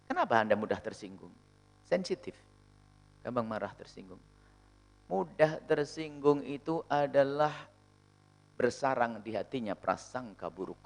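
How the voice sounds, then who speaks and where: A man's voice: mid-range voice, animated, unhurried, creaky, long pauses. A man preaching in a sermon, answering a question and acting out little dialogues in different voices as he goes.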